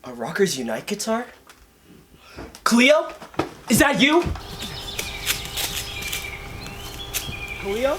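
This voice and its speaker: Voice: medium pitch, huge pitch swings, takes it slowly, fairly bright tone, exaggerated voice. An actor playing an anxious, bewildered little boy in an indie film, hesitant and questioning. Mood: confused. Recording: noisy film location sound.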